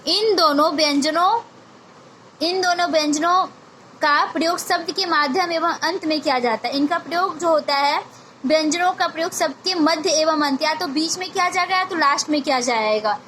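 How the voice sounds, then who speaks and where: A woman's voice: high-pitched, moderate pace, a bit bright, a little hiss or hum. A woman teaching a grammar lesson to young children, repeating each point and asking questions she answers herself, mixing in English words.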